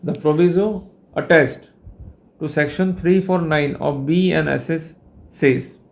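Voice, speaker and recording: A man with an Indian accent and a slightly high voice gives a legal lecture as an educator and host. He speaks at a measured pace in formal, wordy phrasing, laying out rules the way a teacher would.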